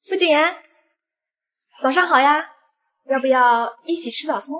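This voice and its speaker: A woman's voice: high voice, moderate pace, fairly bright tone, a little hiss or hum. An actress playing a willful, scheming young woman in a short web drama, speaking with dramatic emphasis. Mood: coaxing.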